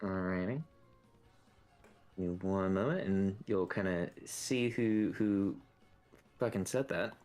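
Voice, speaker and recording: A man running a tabletop game as dungeon master, describing rooms in a relaxed way with many fillers. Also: low voice, takes it slowly, long pauses, faint music behind.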